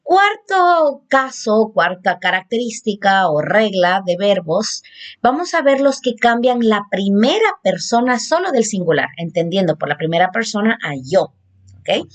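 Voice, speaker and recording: A woman teaching a grammar lesson on verb conjugation, explaining patiently with fillers and repeated examples. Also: mid-range voice. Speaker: Spanish teacher.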